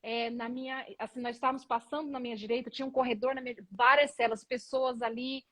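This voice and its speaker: A woman's voice: fairly high pitch, flat delivery, fast talker, pushed and bright. A woman from Brazil with a Brazilian Portuguese accent, a guest in an interview. She tells a personal story with emotion and acts out other people's dialogue.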